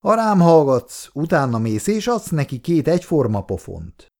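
A man's voice: a little high, big pitch swings, vocal fry, a little mellow, voice pushed up. A man voicing a bossy, self-satisfied older family friend in a read-aloud story, talking in a hearty, boastful way.

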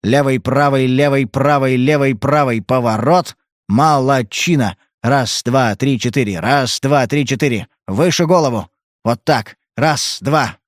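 A man's voice: mid-range voice, expressive, a little slow, dry recording. Hard-nosed detective, snaps short commands, mid-range, dry close sound, a man reading. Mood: urgent coaxing. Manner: barked, clipped orders. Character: tough male detective, commanding and blunt. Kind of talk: audiobook character reading.

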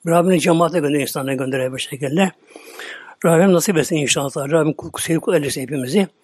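A male preacher retelling a story in a slow, dramatic sermon, often dropping into a whisper. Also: a little high, a little mellow, husky, no echo, clean studio sound.

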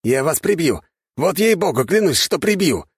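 A man's voice: on the high side, sing-song, normal speed, husky, dry recording, clean studio sound, voice pushed up, exaggerated voice. A man voicing a hot-tempered young man who is exasperated with his siblings, in an audiobook. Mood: indignant. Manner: whiny, indignant outbursts.

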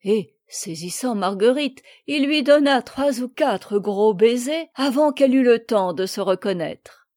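Woman reading a kids' classic, highish voice, dry close sound. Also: expressive, unhurried, darkish tone, no room sound. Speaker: audiobook reader. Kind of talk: scripted narration.

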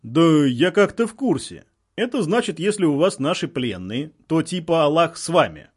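A man voicing a calm, mocking soldier who drawls through his nose. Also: fairly high pitch, normal speed, breathy edge. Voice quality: nasal. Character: nasal, mocking male soldier on a loudspeaker.

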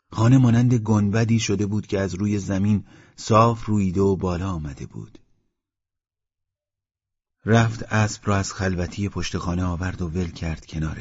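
A man narrating a story in a steady, measured reading, in a dull lo-fi audiobook recording. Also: on the low side, husky, no room sound.

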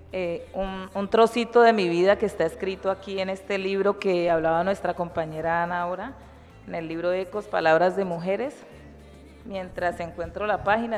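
A woman from Cali who chats a little and then reads a lively passage from her memoir. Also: medium pitch. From Cali, Colombia. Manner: chatty, laughing intro, then lively storytelling reading. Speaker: community participant reading from a women's book. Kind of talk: personal memoir reading. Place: community cultural house. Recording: long reverb with faint music behind.

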